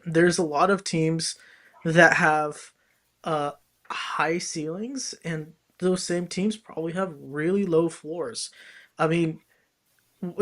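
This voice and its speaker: Chatty soccer co-host full of "like". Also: medium pitch. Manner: chatty, frequent "like" fillers. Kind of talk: casual sports talk.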